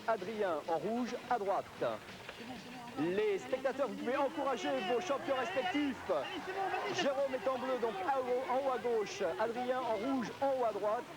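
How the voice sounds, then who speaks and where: Male French host, urgent raised commentary, very high for a man, music underneath. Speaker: game show host commentating. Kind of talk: excited live game commentary. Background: prominent music.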